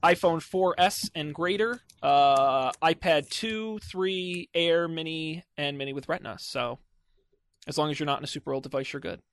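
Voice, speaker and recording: A man's voice: a little high, normal speed, fairly bright tone. A man hosting a casual tech podcast, chatty and wry, with lots of fillers. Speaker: podcast host.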